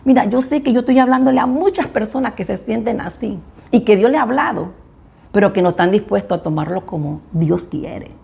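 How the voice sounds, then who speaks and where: A woman's voice: mid-range voice, brisk, creaky, warm tone, breathy edge. A woman preaching a sermon, telling a story from scripture and urging her listeners on, with strong emphasis that rises and falls sharply on her key phrases.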